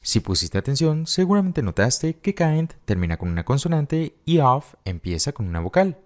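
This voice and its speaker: A man explaining pronunciation rules as a teacher in patient, step-by-step scripted narration, slowing down to model example phrases. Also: medium pitch, very animated. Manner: models English phrases slowly. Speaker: English teacher.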